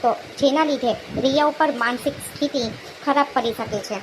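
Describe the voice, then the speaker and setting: A woman voicing a concerned male schoolteacher in a cartoon, calm and advising. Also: sits high, brisk, natural voice. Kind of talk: cartoon voice acting. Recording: noisy background hiss.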